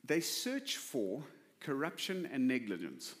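A man's voice: medium pitch, sing-song, slow. A man preaching a sermon as a pastor, in an emphatic, conversational way full of rhetorical questions. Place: church hall. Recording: preaching in a large reverberant hall.

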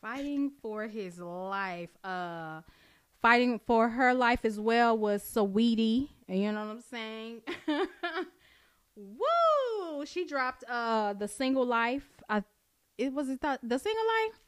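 Woman co-host, fairly high voice, blunt and slangy, casual chat, dry close mic. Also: slow, clear, resonant tone, no room sound. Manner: blunt, slangy, laughing often. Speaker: podcast co-host.

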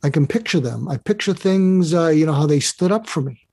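A man talks as a podcast guest in a fairly high voice, earnestly walking the listener through an exercise. He often repeats words as he restarts his phrases. The sound is dry and close. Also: expressive, brisk, darkish tone, husky, no room sound. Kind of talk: casual interview talk.

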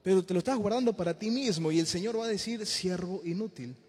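A man preaching an informal sermon to a youth group, lively and acting out the voices of the people he quotes. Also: high voice, racing, long reverb tail. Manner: animated, acts out quoted voices.

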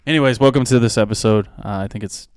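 A man's voice: lowish voice, fast, a little mellow, smooth, no room sound. A man co-hosting a podcast, talking casually and trailing off into mumbles. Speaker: podcast co-host. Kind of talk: casual chat.

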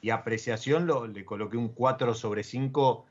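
In dull, lo-fi audio, a man with an Argentine Spanish accent hosts a laid-back wine show, talking at normal speed in a mid-range voice. He uses many fillers and often restarts his sentences.

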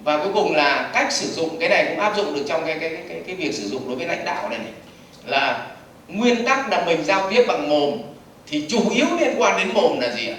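A man gives a lively seminar lecture, putting questions to the audience and answering them himself. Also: on the high side, fast talker, far from the mic, slight background noise. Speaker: business trainer. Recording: echoey hall recorded from afar.

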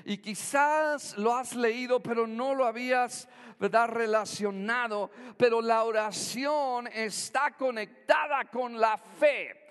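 A man's voice: extremely high pitch, fairly even intonation, slow pace, few pauses, fairly bright tone, clean tone, long reverb tail. A male pastor preaching a sermon, speaking emphatically and calling out to his congregation for responses.

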